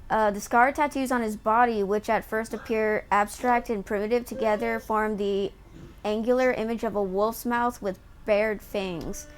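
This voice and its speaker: A woman's voice: mid-range voice, steady tone, moderate pace. A woman game streamer reading on-screen story text aloud and chatting in an amused way as she explains it. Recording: faint background noise.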